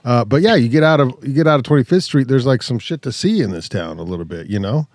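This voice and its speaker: A male podcast host who jokes around and rambles, stopping to correct himself as he goes. His pitch sits in an ordinary middle range. He is close to a studio mic, with a dry sound and no echo. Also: animated, quick pace. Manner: jokey, rambling, self-correcting. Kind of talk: casual chat.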